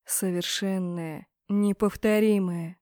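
A woman voicing a brooding, possessive male mage rector who murmurs slowly and huskily. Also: mid-range voice, fairly even intonation, no echo, studio quality, lightly acted. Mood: hushed, possessive. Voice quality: husky. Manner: slow hushed murmur.

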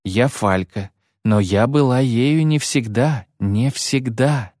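A man's voice: mid-range voice, slow, darkish tone, dry recording, studio quality. A man doing a hissing young outlaw girl. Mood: brooding. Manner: hissing, contemptuous. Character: young female outlaw, cold and cutting.

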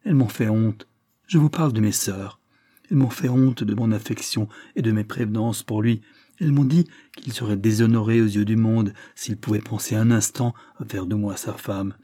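A man reading aloud voices a frail, lovesick young English lady who pleads in a higher, trembling tone. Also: moderate pace, dark tone, dry recording, clean studio sound, natural voice. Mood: ashamed.

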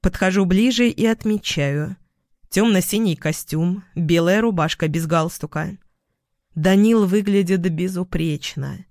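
A man's voice: sits high, measured pace, a little mellow, no echo, studio quality. A man reading a first-person story aloud in short, clipped sentences. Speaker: narrator.

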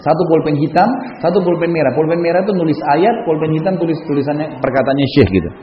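A man's voice: on the high side, animated, fast talker. A man preaching a sermon, telling personal stories in a casual, conversational way. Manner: casual, anecdotal, frequent conversational tags. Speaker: Islamic preacher. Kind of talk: storytelling sermon. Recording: echoey hall, dull lo-fi sound.

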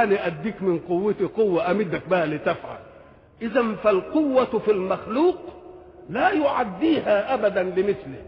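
An older man with an Egyptian accent delivers religious commentary in a high voice. He keeps asking his listeners rhetorical questions and moves between formal and colloquial speech. The recording is dull and lo-fi, with a long hall echo. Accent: Egyptian Arabic. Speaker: Quran commentator.

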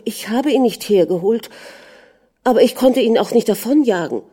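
Storybook: a woman reading an indignant young wife, emotional, warm tone. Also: a little high, expressive, moderate pace, breathy edge, voice pushed up. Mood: pleading. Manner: pleading, then indignant.

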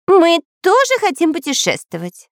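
A woman's voice: very high-pitched, huge pitch swings, normal speed, no room sound, clean studio sound, voice pushed up, full character voice. A woman voicing a sneaky pirate spy with a nasal voice, whining and pleading. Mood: sly.

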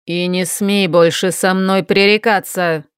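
A woman voicing a cold, menacing middle-aged male mage who talks in a slow, commanding way. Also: lowish voice, fairly even intonation, clear, resonant tone, no echo, studio quality, lightly acted.

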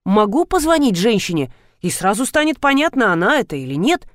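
A woman reading an audiobook, voicing a cheerful, warm-hearted grown man in an upbeat tone. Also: mid-range voice, very animated, a little fast, dry recording, clean studio sound, close to an everyday voice.

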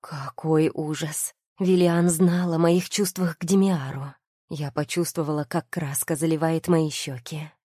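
A woman's voice: deep voice, steady tone, unhurried, mellow, breathy edge, no room sound, studio quality. A woman reading a romance novel aloud in the first person, with emotion. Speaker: audiobook narrator.

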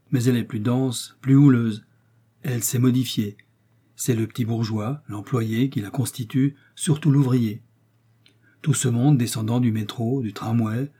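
A male audiobook narrator reading a novel in a steady, carefully phrased way. His voice is dark and mellow, with a husky, breathy grain. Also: mid-range voice.

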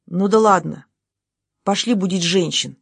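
A woman's voice: lowish voice, unhurried, creaky, breathy edge, no echo, studio quality, full character voice. A woman reading a scolding desert guide. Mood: urgent. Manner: scolding, urgent.

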